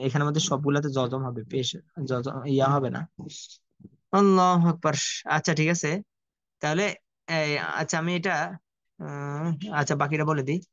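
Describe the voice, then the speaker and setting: A man teaching Quran reading, spelling out Arabic letters and vowel marks slowly in a repetitive drill. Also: fairly high pitch, steady tone, a bit bright, dry recording. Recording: dull lo-fi dry recording.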